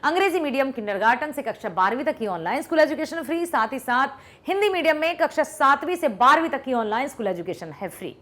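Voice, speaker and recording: A woman with a high voice gives an online lesson. She explains patiently, step by step, and keeps stopping to ask the students whether it is clear. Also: lively intonation, fast talker, fairly bright tone. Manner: explanatory, asks checking questions. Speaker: teacher. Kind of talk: classroom-style online lesson.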